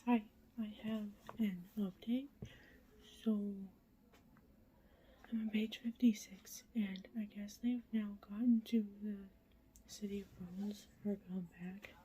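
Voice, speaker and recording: A young woman whispering casual, rambling reading updates for her vlog, keeping quiet at night in her bedroom. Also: medium pitch, fairly even intonation, takes it slowly, slight background noise, poor audio. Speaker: book vlogger.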